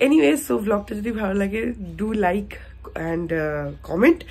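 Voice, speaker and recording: A woman vlogger with a Kolkata Bengali accent, hoarse from a cold, chatting softly and casually to her viewers. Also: mid-range voice, very animated, takes it slowly. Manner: chatty, talks softly because of a sore throat. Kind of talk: casual daily vlog.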